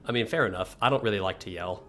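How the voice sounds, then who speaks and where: A deep-voiced man talks fast and a bit brightly on a live game stream, reading chat aloud and reacting to the game. He sits close to a desk microphone in a small room facing a wall, with slight background noise.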